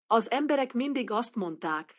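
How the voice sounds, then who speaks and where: A woman narrating a short story as a bilingual audiobook, reading in a calm, measured way. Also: a little high.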